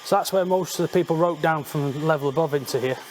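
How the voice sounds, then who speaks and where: A man's voice: fairly high pitch, quick pace, a little mellow, a little hiss or hum. A man guiding a friend through a slate mine, explaining features with dry jokes. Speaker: mine guide. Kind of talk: casual chat. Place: inside a large slate mine.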